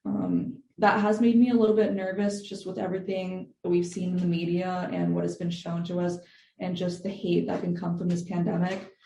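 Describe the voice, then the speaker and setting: A woman's voice: on the low side, level tone, moderate pace, vocal fry, warm tone. A young woman from Thailand answering podcast interview questions thoughtfully, with many fillers and hedges. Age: young adult. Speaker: guest. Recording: echoey room with faint noise.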